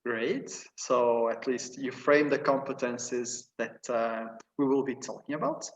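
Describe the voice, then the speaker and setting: A young man, a student, interviewing a guest with polite, somewhat halting and formal questions. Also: medium pitch, fairly even intonation, lo-fi sound. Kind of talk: conversational interview. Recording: echoey room, distant from mic.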